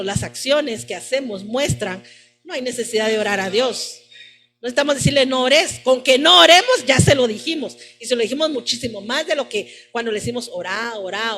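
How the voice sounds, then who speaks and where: This preacher has a high voice with a fairly bright tone. She speaks to her congregation in a teaching sermon at a live-streamed church service, repeating phrases to drive her points home.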